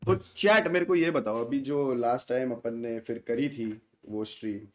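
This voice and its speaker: A man's voice: medium pitch, normal speed. A young man with an Indian accent chatting casually with his livestream viewers, talking straight to the chat and dropping English words in. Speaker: gaming livestreamer. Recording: roomy echo.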